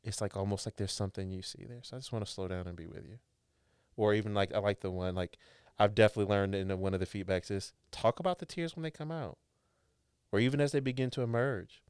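Male therapist co-host, lower register, smooth tone, dry close sound; earnest and reflective. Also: fast talker, darkish tone, no echo. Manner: earnest, reflective, builds thoughts with restarts. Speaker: podcast co-host, couples therapist. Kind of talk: casual professional discussion.

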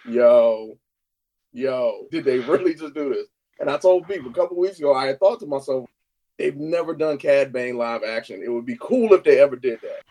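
Excited man chatting casually. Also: a little high, rough recording. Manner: excited, animated, swears casually. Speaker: podcast co-host. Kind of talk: casual chat.

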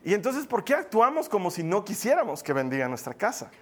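A man preaching as pastor of a church, lively and joking with his congregation. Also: high voice, brisk. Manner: lively, jokey preaching with acted asides. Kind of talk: sermon.

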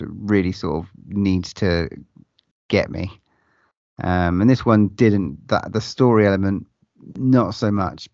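A man's voice: low voice, dry recording, highs cut off. A man co-hosting a horror film podcast in casual chat, swearing freely and often restarting his sentences. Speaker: podcast co-host.

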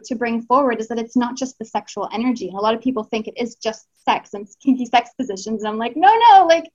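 Woman guest, heartfelt and rambling, slightly high voice, dull lo-fi line. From Canada. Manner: earnest, heartfelt, many fillers and restarts. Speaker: guest, Tantra teacher. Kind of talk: casual podcast interview.

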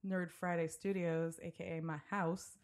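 Lowish-voiced woman hosting a podcast at home, rambly, lots of ums and restarts. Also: flat delivery, unhurried. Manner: rambling, chatty, many fillers and restarts. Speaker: podcast host. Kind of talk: casual chat. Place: home studio, drinking with a guest.

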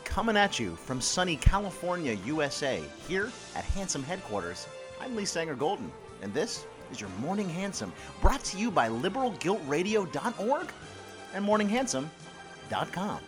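A man's voice: high-pitched, big pitch swings, normal speed, music in the background. A man hosting a comedy podcast in a jokey, casual radio style, full of wisecracks.

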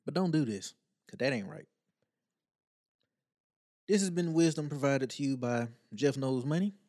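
A man with a warm, medium-pitched voice talks at normal speed while co-hosting a casual advice podcast. Giving advice in easygoing chat, he jokes in a teasing, playfully petty way.

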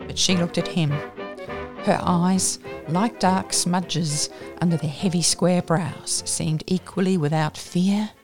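A woman with an Australian accent reading a novel aloud and summarising it in a plain-spoken, unfussy way. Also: fairly low pitch. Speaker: reader.

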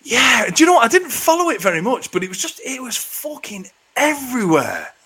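A man's voice: extremely high pitch, wildly swooping pitch, a little fast, bright, forceful tone, slightly rough. A middle-aged man co-hosting a podcast in casual chat, sweary and self-deprecating. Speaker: podcast co-host.

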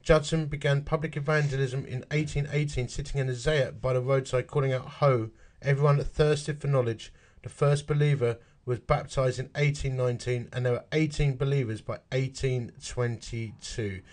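A man's voice: medium pitch, fairly even intonation, normal speed, hardly any pauses, darkish tone. A man with an Essex accent reading a history article aloud, stopping for chatty asides and working out dates and numbers as he goes. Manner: chatty, works figures out aloud.

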